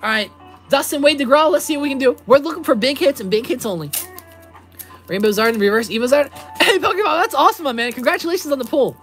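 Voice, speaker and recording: A woman in her twenties livestreams a card-pack opening at a table with a playmat, upbeat as she reads card names aloud and answers chat. She talks fast and animatedly in a high, fairly bright voice, with soft music in the background.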